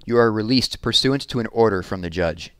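A man reading aloud, voicing a sharp, probing female lawyer who questions coolly and pointedly. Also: fairly low pitch, a little fast, clean tone, dry recording, close to an everyday voice.

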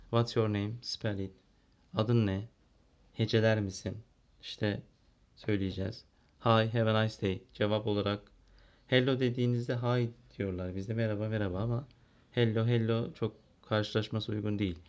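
Man from turkey, teacher, explains and translates, low voice, dull lo-fi sound. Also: steady tone, moderate pace, a little mellow. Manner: explains and translates, thinks aloud with fillers. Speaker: primary school English teacher. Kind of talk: classroom lesson walkthrough. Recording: dull lo-fi recording.

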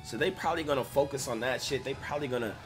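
Very fast and fairly bright, his mid-range voice rides over background music. The young American gaming creator reacts to clips casually, swearing a lot and venting in slang.

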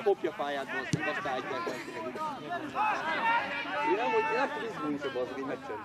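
A man watching a football match from the sideline outdoors, swearing and shouting instructions and player names at the team. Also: on the high side, very animated. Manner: loud, swearing, frequently yells player names. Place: outdoor amateur football ground. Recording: loud crowd around the mic at an outdoor match.

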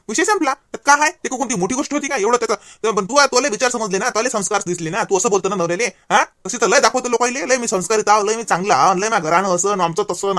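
A man's voice: high-pitched, bright, forceful tone, no room sound, clean studio sound. A voice actor playing an indignant young husband in a cartoon, reproaching his wife. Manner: rapid, reproachful ranting. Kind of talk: cartoon voice acting.

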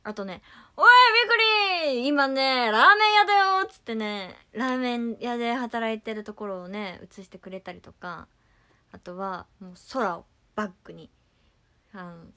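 A young woman casually chatting on a livestream, reading viewer comments with playful giggles and trying quick cartoon impressions. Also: medium pitch, fairly even intonation. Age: young adult.

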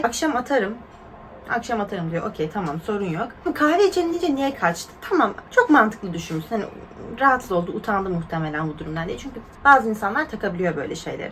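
A woman in her twenties from Turkey, chatting casually as a vlogger while reading viewer stories aloud, with lively exclaiming reactions and asides to her viewers. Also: medium pitch, a little hiss or hum. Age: 20s.

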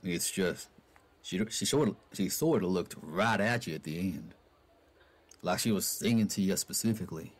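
A man voicing a steady, protective grown male critter who talks in an easygoing drawl. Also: low voice, moderate pace. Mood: gentle.

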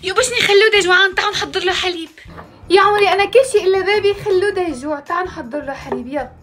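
A woman's voice: extremely high pitch, rapid-fire, a bit bright, faint music behind. A woman, chatting playfully in a family vlog and cooing baby talk at her son. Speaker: mother and family vlogger. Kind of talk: casual family vlog chat.

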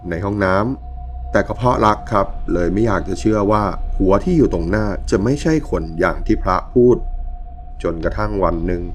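A man calmly narrating a ghost story in a measured storytelling manner. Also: lowish voice, faint music behind. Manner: calm, measured storytelling with quoted dialogue.

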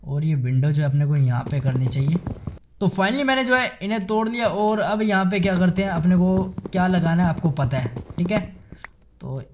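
A young man giving chatty, excitable commentary while playing a game, talking straight to his viewers. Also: high-pitched, normal speed, soft background music. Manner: chatty, excitable, addresses viewers as guys and bhai sahab. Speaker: gaming YouTuber. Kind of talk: casual Minecraft let's play commentary.

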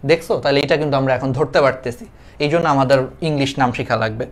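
A man's voice: mid-range voice, racing, vocal fry. A young man with a Bangladeshi Bengali accent teaching an online class, explaining terms, repeating them and asking students questions in a colloquial way. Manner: colloquial dialect forms mixed with English terms.

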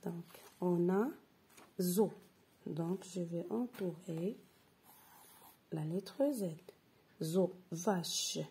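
A woman teacher going through a grammar exercise step by step, reading example sentences slowly and repeating them, then dropping to a breathy half-whisper to explain. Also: on the low side, dark tone. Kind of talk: slow step-by-step grammar lesson.

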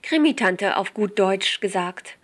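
A woman's voice: mid-range voice, expressive, measured pace. A woman reading the lines of a shy but eager young woman who loves crime stories.

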